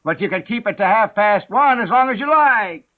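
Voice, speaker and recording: A man's voice: high-pitched, lively intonation, normal speed, voice pushed up. A man voicing the Hatter, an eccentric, rude, riddling man, with an abrupt, theatrical delivery. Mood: excitable. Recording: narrow phone-like sound.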